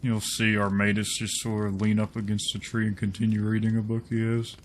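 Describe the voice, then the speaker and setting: A man with a Southern US accent, narrating as game master of a tabletop game in a slow drawl. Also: fairly low pitch, monotone, a little hiss or hum.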